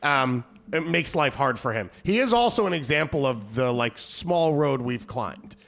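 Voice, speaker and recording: A man of middle pitch leads a soccer talk show in a quick, conversational way. He thinks aloud and strings his points together loosely. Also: animated, gravelly, fairly bright tone. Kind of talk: casual panel discussion.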